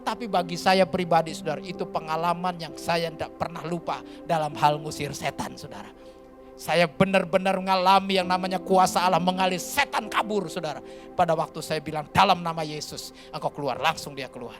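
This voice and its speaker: A high-pitched man from Kalimantan preaching in church, telling his story in a loose, chatty way. He keeps calling out to the congregation as he goes, and clear music plays behind his voice. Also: a little fast. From Kalimantan, Indonesia. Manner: lively, colloquial, keeps addressing the congregation. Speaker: pastor. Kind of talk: storytelling sermon.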